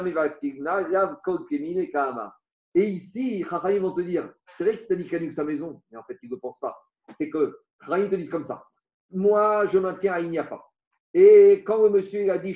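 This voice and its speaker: High-voiced man teaching a Talmud class. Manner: animated explaining, rhetorical questions, Aramaic terms in his French. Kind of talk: Talmud class lecture to students. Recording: roomy, dull lo-fi class recording.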